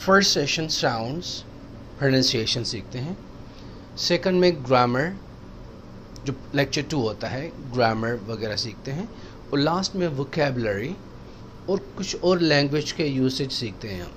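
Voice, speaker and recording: A man teaching spoken English, explaining slowly and repeating example sentences for practice. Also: medium pitch, lively intonation, a bit bright, a little hiss or hum.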